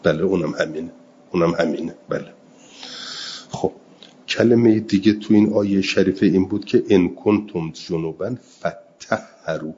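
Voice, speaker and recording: Guy with a really low voice giving a seminary class, reads arabic slow then explains fast in everyday persian, kinda dull recording w some hiss. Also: a little mellow. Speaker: religious studies teacher. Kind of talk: seminary lesson explaining Quranic grammar.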